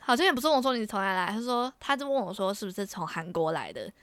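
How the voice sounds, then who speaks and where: A woman's voice: mid-range voice, quick pace, no room sound. A young woman from Taiwan, co-hosting a podcast and telling casual stories with many restarts. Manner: animated, laughing often, with many restarts. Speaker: podcast co-host. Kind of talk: casual storytelling chat.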